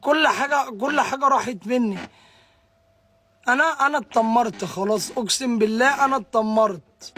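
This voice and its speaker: A man's voice: very high voice, brisk, a bit bright, a little hiss or hum. A distraught young man with an Egyptian accent, ranting live to viewers, stammering and repeating himself as he answers their comments. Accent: Egyptian Arabic. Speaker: livestreamer.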